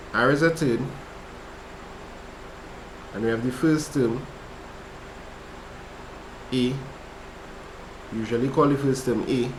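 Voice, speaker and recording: A Trinidadian-accented man with a medium-pitched voice tutors maths over a casual livestream, relaxed and chatty, reading viewers' chat aloud and talking with them between steps. The audio is poor, with an echoey room and a little hiss or hum. It's a casual livestream study session.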